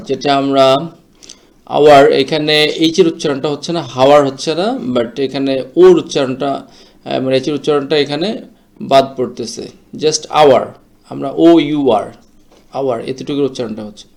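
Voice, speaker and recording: A man teaching English word pronunciation in a slow, explanatory way, mixing English words into his talk. English is not his first language; his first language is Bengali. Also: mid-range voice, steady tone, darkish tone. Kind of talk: explanatory lesson.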